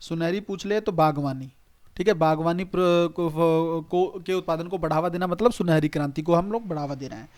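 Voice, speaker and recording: A man's voice: fairly high pitch, moderate pace, a little mellow. A male exam coaching teacher, giving a recorded online lecture in a conversational, repetitive way, often checking "okay" and telling students to write things down. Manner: addresses students directly, urging them to note things down.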